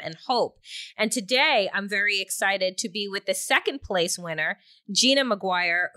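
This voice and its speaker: A woman's voice: mid-range voice, bright, forceful tone, no room sound. A woman hosting a podcast, speaking earnestly with frequent fillers and repeated words. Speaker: podcast host. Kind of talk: casual podcast talk and interview intro.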